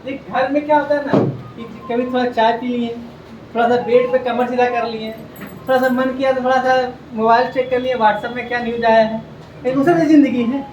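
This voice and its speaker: A man's voice: extremely high pitch, fairly even intonation, brisk, distant mic, dull audio, music in the background. A male coaching teacher, lecturing a class and drilling facts by repeating them and quizzing his students. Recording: echoey classroom, heard from afar.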